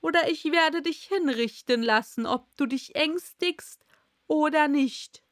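A woman's voice: sits high, lively intonation, takes it slowly, a bit bright, no echo, clean studio sound, voice pushed up, exaggerated voice. A woman voicing an irritable male king who speaks angrily and threatens. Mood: angry. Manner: angry, threatening.

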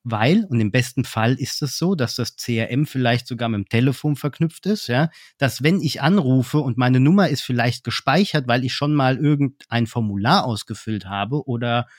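A man's voice: medium pitch, moderate pace, hardly any pauses, no room sound, clean studio sound. A man in casual business chat on a podcast, telling anecdotes and acting out phone calls with customers.

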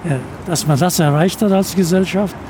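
A man of eighty-six, a retired captain, answering interview questions in a deliberate, measured way with pauses mid-phrase. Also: high voice, noisy background. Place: aboard an airliner.

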